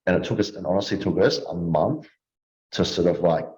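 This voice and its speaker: A man hosts a podcast in a loose, casual way, circling back and restarting his sentences. His voice sits very low. The sound is roomy and a little dull. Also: a little fast, a little mellow. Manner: rambling, restarts, anecdotal. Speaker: podcast host. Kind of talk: casual chat.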